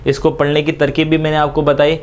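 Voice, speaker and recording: A man's voice: on the high side, monotone, fast. A man teaching Quran reading, patiently drawing out each letter sound between step-by-step explanations. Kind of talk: slow step-by-step recitation lesson.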